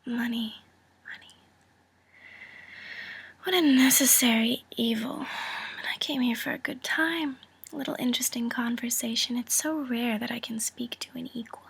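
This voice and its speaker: A woman playing a cool, calculating female mobster in a whispered role-play, breathy, teasing and condescending, delivering a friendly threat. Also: a little high, normal speed, pauses often, a bit bright, heavily acted. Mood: amused, flattering.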